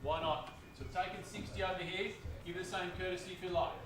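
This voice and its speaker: A man's voice: high voice, fairly even intonation, a little fast. An Australian man calling a live property auction as auctioneer, coaxing bidders with chatty patter. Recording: echoey, distant, noisy live recording.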